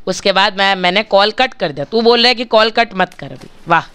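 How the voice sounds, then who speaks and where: A man's voice: sits high, expressive, brisk, sharp tone, slight background noise. A male gaming channel host giving chatty, casual commentary while he plays, talking straight to his viewers and bargaining with them for likes.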